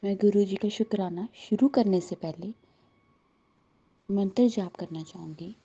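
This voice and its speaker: A woman's voice: mid-range voice, measured pace, warm tone, husky. A woman in her thirties giving an earnest, heartfelt devotional testimony to a congregation. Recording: dull lo-fi recording.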